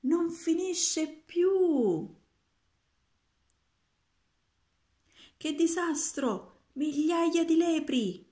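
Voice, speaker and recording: A woman reading aloud and voicing an anxious, clever young boy in a higher, exclaiming voice. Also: animated, normal speed, dark tone, natural voice. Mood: panicked. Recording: roomy echoing room.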